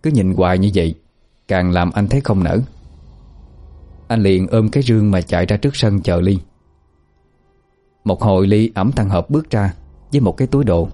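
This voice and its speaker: A man narrates a dramatic story in an earnest, steady way. His voice is low and warm, with soft music playing behind him. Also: normal speed, long pauses. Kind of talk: scripted narration.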